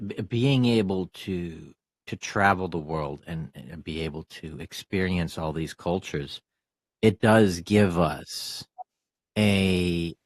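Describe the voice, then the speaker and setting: Male host, low and husky, halting casual delivery, dry close recording. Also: dry recording. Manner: halting, with restarts. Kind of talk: casual interview talk.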